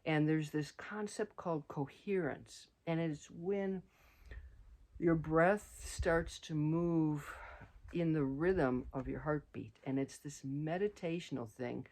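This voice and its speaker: A woman's voice: low-pitched, slow, a little mellow. A middle-aged woman vlogging casually outdoors on a mountain trail, rambling with many fillers and restarts. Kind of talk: casual hiking vlog.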